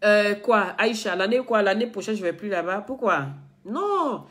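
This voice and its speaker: A woman's voice: medium pitch, expressive, normal speed, a bit bright. A woman blogger talking straight to her followers in an earnest, lecturing way, repeating herself and restarting often. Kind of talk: casual direct-to-camera talk.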